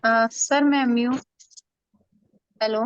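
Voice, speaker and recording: A woman's voice: fairly high pitch, steady tone, slow pace, clean tone, dry recording. A woman in a study group, heard over a call line, asking questions in a hesitant way with many fillers. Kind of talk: casual discussion. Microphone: remote video call. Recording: dull, lo-fi call audio, dry.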